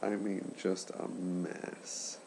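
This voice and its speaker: A man in his late twenties chatting casually in a subdued, halting way, with congested, slightly impaired speech after nose and throat surgery. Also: sits low, level tone, noisy background. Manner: subdued, keeping voice down for a sleeper; halting, trailing pauses. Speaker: patient sharing surgery recovery. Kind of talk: casual vlog chat.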